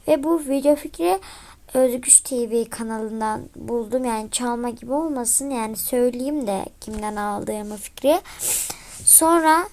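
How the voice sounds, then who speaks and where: High-voiced young woman gaming vlogger. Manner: chatty, excitable, often mutters quietly. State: slightly sick voice. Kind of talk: casual gameplay commentary.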